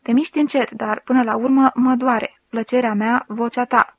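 A woman voicing a sensual woman who slowly and softly reads out an intimate love letter. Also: on the high side, fairly even intonation, husky, no echo. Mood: intimate, tender. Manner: slow, soft, intimate reading.

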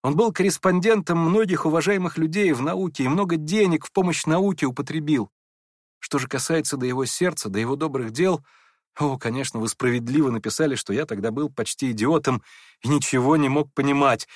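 Чтец за доброго князя: торопливо, виновато, искренне. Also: male voice, mid-range voice, no room sound, clean studio sound, natural voice. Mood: earnest. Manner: hurried, apologetic, earnest. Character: meek, earnest, kind young prince. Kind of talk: audiobook character voice.

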